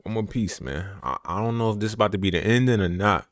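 Laid-back young man hyping a stream, low voice. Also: expressive, quick pace, dry recording, clean studio sound. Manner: laid-back slangy hype talk, repeats phrases. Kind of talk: casual live gameplay commentary.

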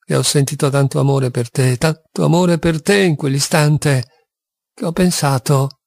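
A man's voice: on the high side, moderate pace, gravelly, darkish tone, dry recording. A man reading an audiobook, voicing a passionate, tormented young man who swings between despair and wild exultation. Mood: brooding.

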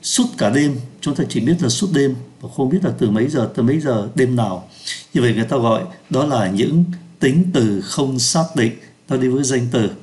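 A man teaching French pronunciation in Vietnamese, slowing down to sound out French words. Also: mid-range voice, lively intonation, a little mellow. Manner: slows down to pronounce French words. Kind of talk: lesson explaining pronunciation.

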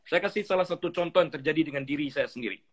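Middle-aged pastor guy, kinda husky, lively storyteller, slips english words in, voice sits a bit high. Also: very fast. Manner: animated storyteller, acts out dialogues, mixes in English phrases. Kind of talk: conversational teaching interview.

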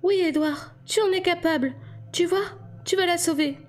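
A woman's voice: moderate pace, faint music behind. A woman reading aloud voices a young female vampire seer in a raised, pressing, insistent tone. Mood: urging. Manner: high, pressing, insistent calls.

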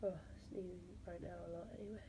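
Congested with a cold, a woman vlogger half-whispers a slow, casual to-camera chat, her speech halting and full of sighs and fillers. Her voice sits on the low side with a level tone, and there's noisy hiss in the background.

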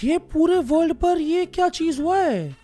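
A young man with an Indian accent and a sore throat, giving loud, excitable Minecraft commentary and yelling at game characters. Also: very high-pitched, a little slow. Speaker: gaming YouTuber. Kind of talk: Minecraft let's play commentary. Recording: faint music behind the voice.

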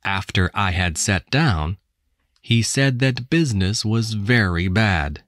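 An American woman reading English textbook passages aloud with careful, deliberate enunciation. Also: extremely low pitch, expressive, dry recording, clean studio sound. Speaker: English text reader. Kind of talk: slow scripted textbook reading.

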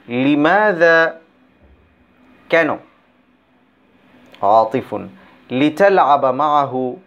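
A male teacher with a Bangladeshi accent explains a lesson one word at a time, in an unhurried, measured way. His voice sits a little high for a man. The recording sounds dull and lo-fi. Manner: slow, deliberate word-by-word explanation. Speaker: Arabic teacher.

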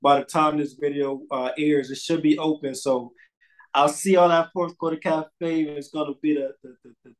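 Laid-back barber on a video call. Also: male voice, a little high, moderate pace, low-quality recording. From Bridgeport, Connecticut. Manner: relaxed, loose, swears casually, repeats words. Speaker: barber, podcast guest. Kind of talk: casual interview chat. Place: small barbershop indoors.

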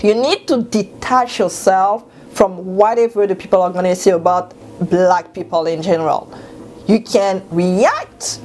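Young woman from Cameroon, vlogger on a lapel mic at home, lively and emphatic, pitch leaps on key words. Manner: animated, gestures a lot, jumps up in pitch for emphasis. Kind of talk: talking to camera, motivational advice. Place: bedroom at home, indoors. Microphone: clip-on lapel mic.

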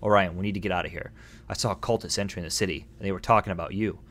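A man reading the lines of a brisk, impatient young woman gym leader in a game let's play. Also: low-pitched, fairly even intonation, fairly bright tone, slight background noise.

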